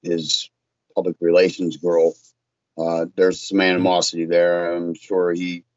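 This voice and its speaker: A man from Virginia, a tint shop owner being interviewed on a podcast, talking in halting, restarting bursts as he tells stories. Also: sits low, completely flat delivery, no echo, lo-fi sound. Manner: halting, restarts often, storytelling.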